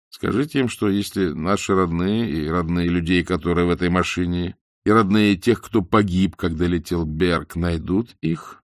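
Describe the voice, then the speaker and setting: A man's voice: fairly low pitch, dry recording, clean studio sound, lightly acted. A man doing an urgent airline captain. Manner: urgent, commanding.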